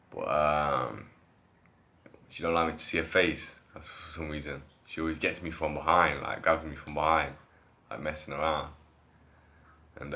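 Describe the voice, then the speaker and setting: A man with a deep, low voice tells a story casually from his living room at home. His tone is bright and forceful despite the low pitch. He rambles, repeats himself and restarts his sentences, then drops off into quieter asides. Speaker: vlogger recounting a dream.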